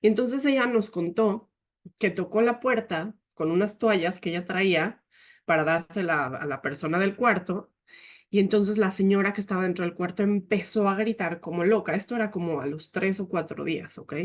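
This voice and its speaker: A woman's voice: medium pitch, moderate pace. A woman giving a leadership talk, telling a personal story in an earnest, emotional way. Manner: often quotes herself and others.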